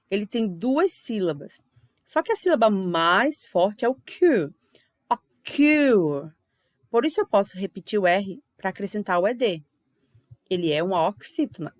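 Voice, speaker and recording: Brazilian woman teaching, patient and clear. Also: medium pitch, no room sound, studio quality. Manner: patient, repeats each example slowly and clearly. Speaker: English teacher. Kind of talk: online grammar lesson.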